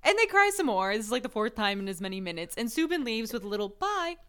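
A woman co-hosts a relaxed podcast, walking through a story recap in a fairly high, lively voice. She keeps slipping into giggles as she reads. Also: rapid-fire, clear, resonant tone. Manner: giggly, breaks into laughter while reading. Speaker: podcast co-host recapping a drama. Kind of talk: casual chat with plot recap.

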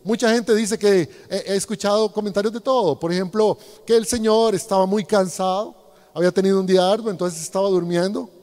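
A man's voice: sits high, fairly even intonation, fairly quick, a little mellow. A man preaching a sermon, speaking directly to his congregation and asking them rhetorical questions. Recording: long hall reverb.

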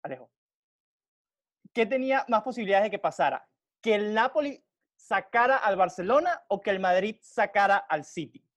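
A man's voice: high voice, lively intonation, normal speed. A man moderating a football debate on a call, firmly calling for order. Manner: firm, calls for order.

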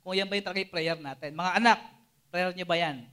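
Man, youth sermon, very high voice, animated, keeps prompting the audience. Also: fast talker, smooth. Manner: animated, keeps asking the listeners "Amen?" and "di ba?". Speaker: preacher to a youth group. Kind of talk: Taglish sermon to a live and Zoom audience.

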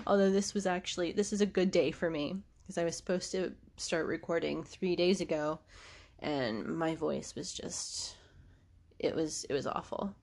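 A podcast host delivers a casual, rambling monologue, congested from allergies and laughing often. Her voice is fairly low in pitch, unhurried, and darkish in tone.

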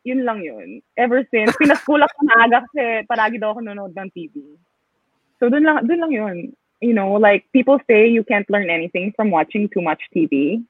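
A young Filipino woman with a Filipino accent, chatting as an interview guest in a relaxed, rambling way with many fillers. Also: mid-range voice, a little fast, no echo. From Philippines. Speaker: guest athlete. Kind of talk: casual interview chat, mixing English and Tagalog. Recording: tinny phone-like dry line.

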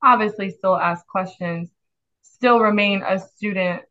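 A woman nurse from the Chicago area, explaining her work in a measured, steady way in a casual podcast conversation. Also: medium pitch, muffled recording. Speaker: nurse guest.

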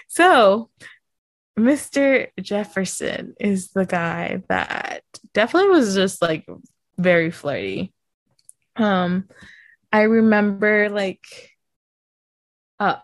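An American woman co-hosting a podcast, telling a story in a chatty, animated way, full of "like" fillers and quoted exchanges. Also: medium pitch, no echo. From United States. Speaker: podcast co-host. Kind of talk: casual storytelling chat.

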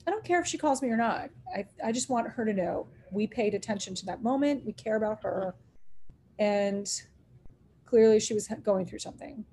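Lively, mellow-voiced woman telling stories. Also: mid-range voice, normal speed, a little hiss or hum. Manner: acts out quoted dialogue, laughs often. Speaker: restaurant owner. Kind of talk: animated storytelling in an interview.

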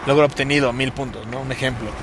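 A man's voice: mid-range voice, steady tone, fast talker. Young Mexico City guy, foul-mouthed podcast host, recorded while driving with faint road noise. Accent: Mexico City Spanish. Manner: rambling, profane, sing-song delivery. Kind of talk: casual solo podcast monologue. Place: inside a car while driving. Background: car and road noise.

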